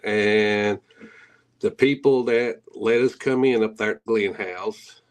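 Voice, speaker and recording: A middle-aged man speaks in a fairly low voice with a thick hillbilly Appalachian accent. He tells his stories casually as an interview guest, wandering from point to point in folksy rural grammar. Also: fairly even intonation, slow. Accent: Appalachian, hillbilly drawl. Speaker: guest, paranormal investigator.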